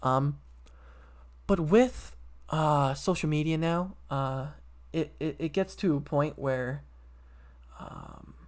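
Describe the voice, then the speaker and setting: A man's voice: fairly high pitch, slow. A young man in his late teens hosting a casual solo podcast from his computer, rambling with many fillers and restarts. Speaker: podcast host.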